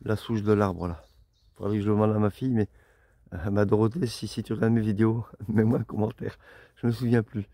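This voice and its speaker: A man's voice: lowish voice, little pitch movement, brisk, warm tone, no room sound. A middle-aged man chatting casually to his camera as he walks through open countryside, rambling and easily amazed by what he sees. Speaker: walking pilgrim vlogger. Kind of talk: casual vlog narration while walking.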